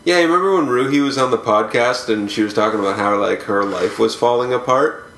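A man's voice: medium pitch, a little fast, a bit bright. A man co-hosting a podcast, chatting casually and jokingly about a baseball game and laughing often. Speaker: podcast co-host. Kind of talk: casual chat while watching a baseball game. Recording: roomy room with faint noise.

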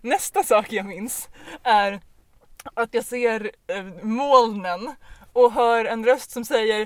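A woman on a podcast telling a personal anecdote in a casual, lively way, with lots of fillers and restarts. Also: a little high, no echo. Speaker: podcast host. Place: podcast recording.

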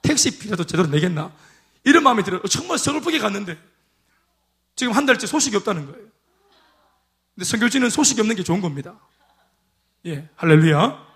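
A male pastor preaches in a church, his voice pitched high for a man. He keeps drawing amens and hallelujahs from the congregation. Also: animated, fast talker, pauses often, fairly bright tone. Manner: call-and-response preaching, repeated amens and hallelujahs. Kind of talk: sermon. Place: church sanctuary.

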